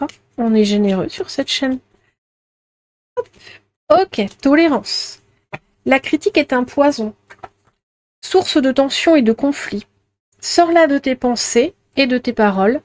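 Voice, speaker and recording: A woman giving an intuitive tarot reading to her viewers, gentle and chatty, with many fillers and repeated words. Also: a little high. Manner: speaks to unseen spirit guides while drawing. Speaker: tarot card reader.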